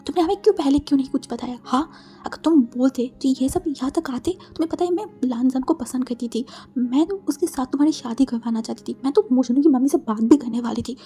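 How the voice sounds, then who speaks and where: A woman's voice: high voice, fast, mellow, soft background music, natural voice. A woman playing a stern scolding mother. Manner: stern, lecturing. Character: scolding middle-aged mother lecturing her son.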